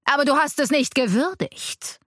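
A woman's voice: high-pitched, fairly bright tone, no room sound, clean studio sound, pitched above the performer's own voice. A woman voicing a cold menacing warlord. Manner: slow, measured, threatening.

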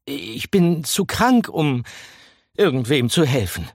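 A man's voice: very animated, slow pace, dry recording, studio quality. A man voicing a sickly, fussy male mouse who hates leaving home, in an audiobook. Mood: defensive. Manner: whiny, indignant, squeaky. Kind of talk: audiobook character voice.

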